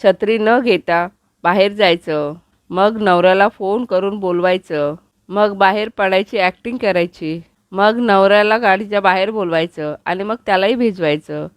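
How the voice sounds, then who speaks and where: A woman's voice: mid-range voice, moderate pace, clean tone, dry recording, lightly acted. A woman voicing a playful young husband in a TV serial recap, reading his joking lines in her own voice. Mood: teasing.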